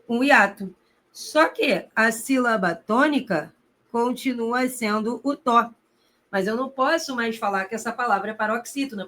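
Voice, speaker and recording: A woman Portuguese teacher giving a recorded exam-prep grammar lesson, speaking directly to the student, asking herself rhetorical questions and drawing out key terms slowly for emphasis. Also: a little high, a bit bright.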